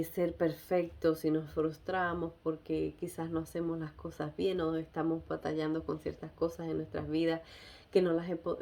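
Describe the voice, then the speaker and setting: A woman sharing a personal testimony in a sermon, reflective and hesitant, often pausing and checking in with her listeners. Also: low voice, gravelly, warm tone. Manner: reflective, with many hesitations and tag questions. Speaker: speaker sharing a devotional message.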